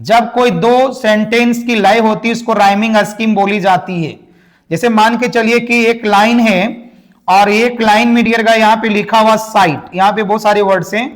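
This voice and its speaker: Teacher guy, really high voice, keeps asking what do we call this then answers it. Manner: repeats questions to the class and answers them; addresses viewers as dear guys and my brother. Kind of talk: exam-prep lesson.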